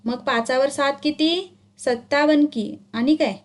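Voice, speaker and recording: Woman doing a shouting, short-tempered village schoolmaster. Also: high voice, a little slow. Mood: scolding. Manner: scolding, barking orders in rural dialect.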